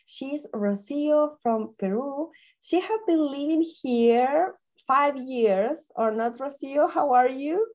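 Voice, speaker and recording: A woman hosting an interview, asking her questions in a halting, hesitant way with many fillers. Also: high-pitched, darkish tone. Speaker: host.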